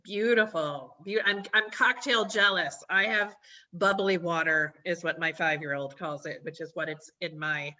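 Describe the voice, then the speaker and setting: A woman hosting a video-call book launch, bubbly and quick to laugh. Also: lowish voice, sharp tone, far from the mic. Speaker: event host. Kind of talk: casual video-call chat.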